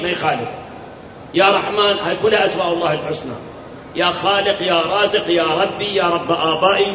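Man preaching, high pitched, emphatic, repeats words, asks the crowd questions; distant mic, echoey hall, lo-fi. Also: a bit bright, a little hiss or hum. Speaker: cleric. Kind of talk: sermon.

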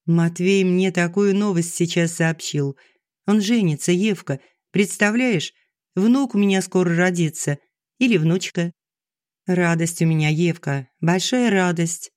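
A man reading an audiobook, voicing a gentle, soft-spoken aging schoolteacher who talks earnestly to her friend. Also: sits high, unhurried, dry recording, studio quality. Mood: tender. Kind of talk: audiobook dialogue.

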